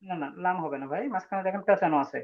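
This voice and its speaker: A man teaching Arabic letter pronunciation in an online class, patiently drawing out sounds and calling on students. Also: high voice. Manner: patient, drawn-out demonstration of sounds, calls on students. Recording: tinny phone-like line.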